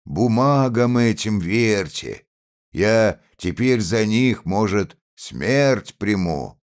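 A defiant, beaten peasant, voiced by a male reader from an audiobook tale, preaching to the crowd with a full, tight, ringing voice. He speaks slowly and solemnly, the pitch swinging widely. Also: lively intonation. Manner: slow, solemn, declaiming to the crowd.

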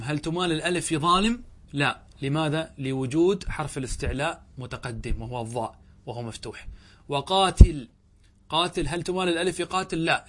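A man's voice: a little high, a bit bright. Arabic grammar sheikh quizzing his class. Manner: asks a question and answers it himself, often restarts and corrects himself. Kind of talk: classroom lecture with questions and answers.

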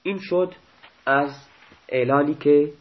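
Male teacher, fairly high voice, methodical, repeats forms slowly, dull lo-fi recording. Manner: explains step by step, repeats verb forms slowly. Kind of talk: recorded Arabic grammar lesson.

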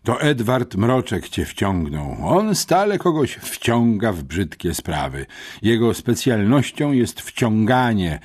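A man's voice: fairly low pitch, sing-song, slow, darkish tone, voice pushed up, heavily acted. A man voicing a cold, stern female school headmistress who scolds pupils in an audiobook. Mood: stern scolding. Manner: cutting, scolding. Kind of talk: audiobook character voice.

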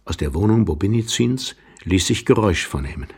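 A male narrator reads a classic story with theatrical flair. His voice is gravelly and rough, with a deeply raspy edge. His pitch moves lively through each sentence. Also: brisk. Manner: theatrical, expressive. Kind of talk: classic literature reading.

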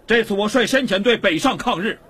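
A husky, unbending revolutionary prisoner. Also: male voice, low-pitched, animated, heavily acted. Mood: defiant, proclaiming. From Yiyang, China. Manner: measured, dignified. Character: imprisoned male revolutionary, calm, unbending. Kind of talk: radio drama acting.

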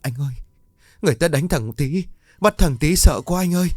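A man's voice: mid-range voice, expressive, moderate pace, husky, no room sound, studio quality. A man voicing a grieving young mother who wails and pleads, frantic and vengeful. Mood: frantic, wailing. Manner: pleading and wailing.

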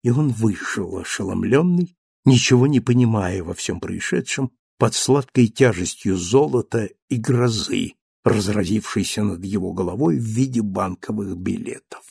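A man narrating a classic novel as an audiobook with steady, measured delivery. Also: lowish voice, gravelly, husky, dry recording, studio quality.

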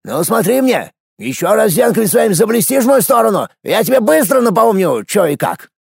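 A man voicing a grumpy, sharp-tongued old grandfather mage in an audiobook, with a mocking, scolding drawl. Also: high voice, sing-song, moderate pace, creaky, breathy edge, dry recording, clean studio sound, voice pushed up, heavily acted.

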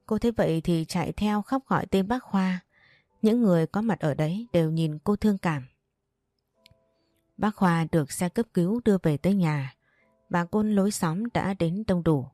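Woman audiobook narrator, steady and somber, low mellow voice, dry close sound, soft music behind. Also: no room sound.

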